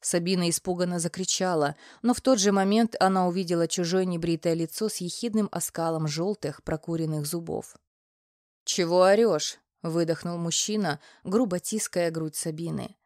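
A woman reading a story aloud as an audiobook narrator, in an even, unhurried storytelling manner. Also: lowish voice, dry recording, clean studio sound. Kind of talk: scripted narration.

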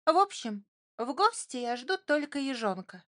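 Storybook fox cub girl, high and eager, lively, a woman puts her on. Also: moderate pace. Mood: bossy, apologetic. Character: young female fox cub, excitable and childish.

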